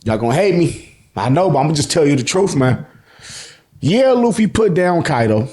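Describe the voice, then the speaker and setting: Here a fairly high-pitched man talks at a moderate pace. He's an American host of an anime and manga review channel, and his recap is casual and jokey, packed with slang and swearing, with dialogue acted out in an animated way.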